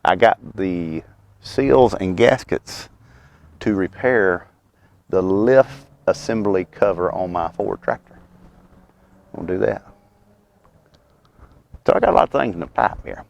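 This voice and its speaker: A man in his mid fifties with a Southern US accent, chatting in a folksy, unhurried, wryly humorous way around a pipe as he hosts a rambling outdoor vlog. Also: sits low, creaky, a little mellow. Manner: talks while puffing on a pipe. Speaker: host of a homestead and birdwatching channel. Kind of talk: rambling casual vlog chat.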